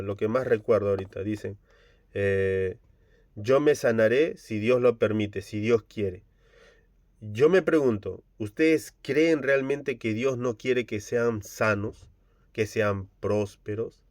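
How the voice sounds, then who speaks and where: A man preaching a Bible study online, earnest and slow, dropping Japanese fillers between phrases. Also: mid-range voice, a little mellow, dry recording, clean studio sound. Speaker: pastor.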